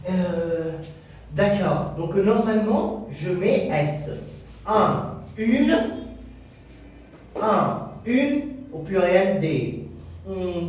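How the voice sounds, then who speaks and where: Man, children's teacher: unhurried, singsong delivery in a reverberant classroom. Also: high voice, a little mellow, a little hiss or hum. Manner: slow and drawn out, acting out the pupils' answers himself. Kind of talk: French lesson for children. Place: classroom with whiteboard. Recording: echoey room, mic far off.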